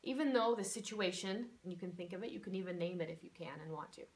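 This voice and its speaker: A woman's voice: fairly low pitch, quick pace, far from the mic. Woman guiding a tapping session. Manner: chatty, lists emotions in soft murmurs while tapping. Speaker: tapping instructor. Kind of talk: guided self-help demonstration.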